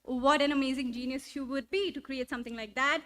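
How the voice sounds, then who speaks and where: High-pitched North Indian woman, effusive stage host. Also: fairly even intonation, brisk, a bit bright. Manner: effusive, gushing. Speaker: event host introducing panelists. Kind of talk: enthusiastic live stage presenting, mixing English and Hindi.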